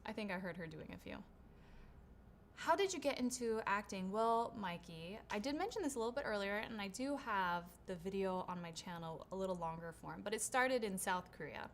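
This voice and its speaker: Her mid-range voice is expressive and a little fast, with slight background noise. She's an English-speaking voice actor hosting a livestream Q&A through a shotgun studio microphone, reading viewers' questions and answering chattily and upbeat, full of "um" and "right?"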